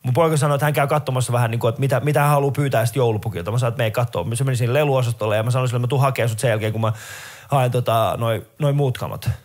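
This is a Finnish-accented, middle-aged comedian in the middle of a stand-up set. He tells his stories with lots of energy and switches to high-pitched voices when playing characters.

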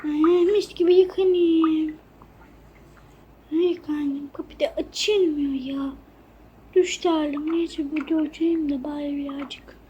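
A woman narrating a game role-play in soft, half-whispered asides. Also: sits high, fairly even intonation, slow pace, highs cut off, slight background noise.

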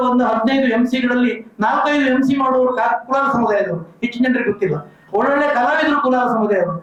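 A man's voice: extremely high pitch, fairly bright tone. A man who works in medicine, speaking as a community organizer and making an earnest, persuasive public appeal. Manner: earnest, persuasive, lists names and figures. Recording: echoey room, distant mic, dull sound.

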